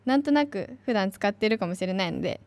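A woman's voice: medium pitch, animated, quick pace, darkish tone, dry recording. A young woman from Kanagawa, an announcing student, giving a chatty free talk with many fillers. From Kanagawa, Japan. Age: young adult.

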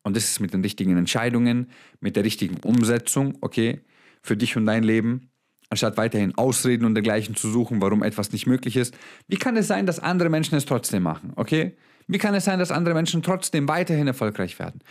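A man's voice: mid-range voice, expressive, fast talker, darkish tone. A young man giving a blunt motivational monologue straight to the listener, swearing freely and mixing English words into his German. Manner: emphatic, addresses listener directly. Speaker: motivational speaker.

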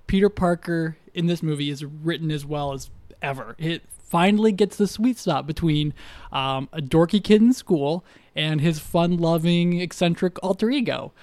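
Higher-voiced man rambling about movies. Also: normal speed, a little mellow, no echo. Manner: rambling, hesitant, many fillers and restarts. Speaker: podcast co-host. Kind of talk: casual podcast chat.

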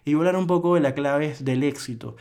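A man's voice: fairly high pitch, quick pace, darkish tone, smooth. A man hosting a solo podcast, lecturing earnestly in a reflective monologue with frequent restarts. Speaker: podcast host.

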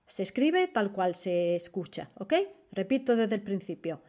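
A woman hosting a podcast language lesson. She spells out words and repeats example phrases slowly and carefully. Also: mid-range voice, expressive, mellow. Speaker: language teacher, podcast host.

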